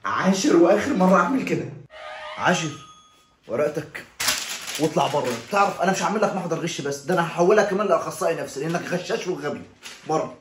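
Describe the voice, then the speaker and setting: A strict, threatening exam proctor, acted by a man, with an Egyptian Arabic accent, stretching out his warnings to the room. The voice sits a bit high and echoes in the space. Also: background noise, lightly acted. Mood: angry. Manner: stern, threatening, drawn-out warnings.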